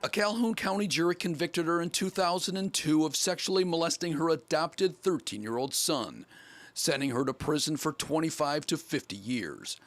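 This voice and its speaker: A man's voice: a little high, animated, moderate pace. An American man narrating a scripted television news report.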